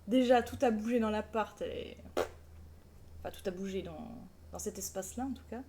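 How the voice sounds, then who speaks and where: A woman's voice: medium pitch, brisk, warm tone, a little hiss or hum. A woman chatting casually and playfully as a live streamer, colloquial and sweary, often cooing affectionately. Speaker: live streamer, craft vlogger.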